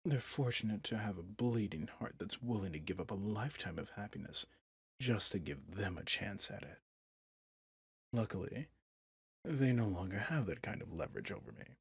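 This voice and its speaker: In an intimate ASMR roleplay, a man plays a possessive villain prince murmuring to his bride in a low, very breathy, husky, exaggerated voice. Smug and teasing, he speaks slowly and seductively, coaxing her with a tenderness that hides menace. The recording is close and dry with no room sound.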